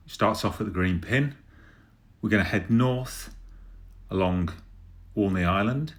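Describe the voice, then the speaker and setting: A middle-aged man narrates a route as a vlog voice-over. His voice sits low, and he explains things step by step. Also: unhurried. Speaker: vlogger introducing a route.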